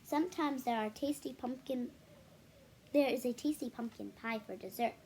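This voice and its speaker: A woman with a fairly high, somewhat dark voice reads a children's picture book aloud at a normal pace, tossing in casual explanations for her young listeners. There's slight background noise behind this storyteller.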